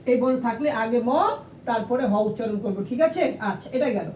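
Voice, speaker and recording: A woman's voice: quick pace, mellow. A woman teacher explaining a lesson step by step, patiently repeating rules and asking and answering her own questions. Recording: echoey room, far from the mic, faint rumble.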